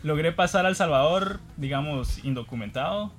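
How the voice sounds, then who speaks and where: A man's voice: on the high side, lively intonation, moderate pace, soft background music. A man from Guatemala, a guest on the program, telling a personal anecdote in a casual, self-deprecating way, laughing now and then.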